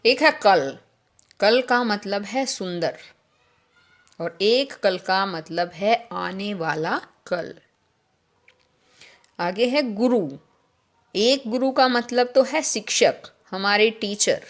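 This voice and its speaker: Slow, patient woman teacher. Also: mid-range voice. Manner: explains slowly, keeps asking children if they understood. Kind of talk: recorded Hindi lesson for young children.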